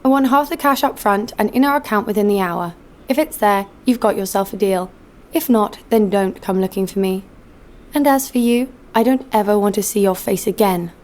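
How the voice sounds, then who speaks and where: An actress voices a cynical, hard-nosed bounty hunter in an audio drama, delivering first-person narration and dialogue bluntly and sardonically with a hostile edge. Her voice is medium-pitched and darkish, at normal speed, close to how she'd normally talk.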